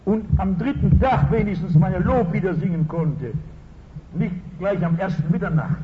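A man's voice: high voice, slight background noise. An older man, a pastor with a German accent, preaching a sermon and telling stories emphatically while addressing the audience directly. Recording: dull lo-fi recording in a reverberant hall.

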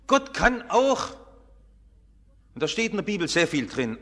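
A pastor preaching a harvest festival sermon in a church, dramatic, swinging between soft and loud. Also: male voice, high-pitched. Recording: long church reverb.

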